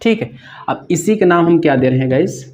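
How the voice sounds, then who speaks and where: Man, teacher, slightly high voice, asks and answers his own questions, keeps saying "right?". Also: expressive, a little fast, a little mellow. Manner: repeats questions and answers them himself, keeps asking "right?". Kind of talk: explaining a science lesson.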